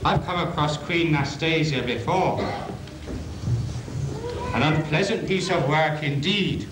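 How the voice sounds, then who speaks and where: A man's voice: fairly high pitch, slow pace. Man as grand dream spirit, echoey hall. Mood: wry. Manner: declamatory, theatrical. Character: Dream Angus, grandly rhyming, wry dream spirit. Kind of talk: community pantomime stage acting. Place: on stage in a school hall. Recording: noisy, echoey 1980s school hall video.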